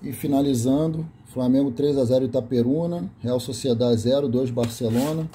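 His voice is medium-pitched and warm, his pace moderate, with a little hiss or hum on the recording. The Brazilian man, accented in Brazilian Portuguese, reads VHS labels from his collection in a loose, listing manner while filming in a small indoor room. He corrects himself now and then in this casual off-camera commentary.

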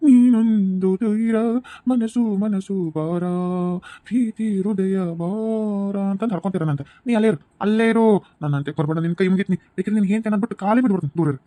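A man's voice: sits high, dark tone, dry recording, lightly acted. A man with a North Karnataka Kannada accent voicing a nervous village husband in a cartoon, fretful and given to exclamations. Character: nervous village husband, comically frightened of his wife. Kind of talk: cartoon voice acting.

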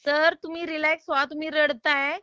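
A woman's voice: high-pitched, flat delivery, a little fast, pushed and bright, dry recording, highs cut off. A woman calling to collect a loan payment, polite but insistent and exasperated. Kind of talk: phone call.

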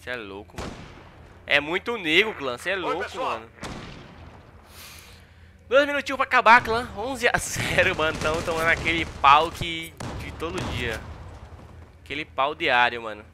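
Young man, Brazilian accent, gameplay commentary, exasperated, slangy, bouncy intonation, loud game gunfire behind. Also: a little high, animated, normal speed, noisy background. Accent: Brazilian Portuguese. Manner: exasperated, slangy, repeats tags like mano and véi. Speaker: gaming YouTuber. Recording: gunfire sounds under the voice.

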